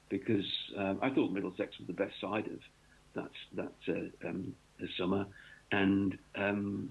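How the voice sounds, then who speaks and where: A husky, lowish male voice with vocal fry comes through a tinny phone line as a North East England cricket author discusses his work on radio. He rambles, filling gaps with ums and restarting sentences.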